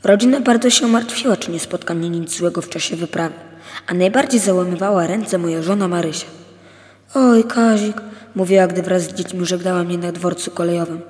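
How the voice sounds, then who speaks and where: A man narrating a first-person adventure story in a lively, expressive way. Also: sits high, quick pace, long reverb tail.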